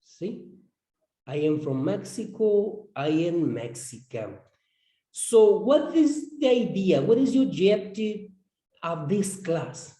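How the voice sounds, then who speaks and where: Male English teacher, unhurried, halting delivery with repeated words; echoey room sound. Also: high-pitched, very animated, mellow. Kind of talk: explaining a classroom lesson plan. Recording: roomy echo.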